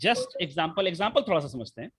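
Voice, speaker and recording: A man teaching a physics class online, explaining slowly with many repetitions and rhetorical questions, speaking with the mic held right at his mouth. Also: on the high side, big pitch swings, a bit bright, husky. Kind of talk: live online class lecture.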